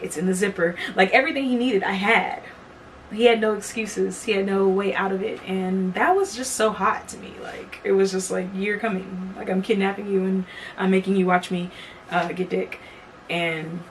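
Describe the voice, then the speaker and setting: A woman's voice: medium pitch, far from the mic, low-quality recording. A young woman hosting a podcast, telling a personal story in a candid, profane, chatty way. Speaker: podcast host. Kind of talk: casual storytelling monologue. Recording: from the mic, faint background noise.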